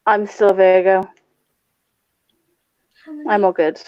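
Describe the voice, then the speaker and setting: A mother rambles through casual group chat and laughs easily. Her voice sits at an everyday pitch. The sound is dull, lo-fi and dry. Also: level tone, takes it slowly, darkish tone, smooth, no echo.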